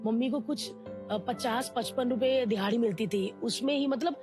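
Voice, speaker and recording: Animated woman telling her story. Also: on the high side, moderate pace, over music. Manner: candid, animated, acts out quoted voices. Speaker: guest. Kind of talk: emotional personal storytelling.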